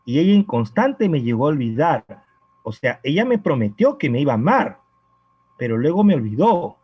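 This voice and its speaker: A man's voice: on the high side, very animated, normal speed, slightly rough, no room sound. A man teaching literature in a recorded prep-course lesson, explaining patiently and often checking in with the student. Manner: explanatory, keeps addressing the student and adding "¿no?" tag questions. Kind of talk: recorded exam-prep lecture. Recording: slightly dull lo-fi recording.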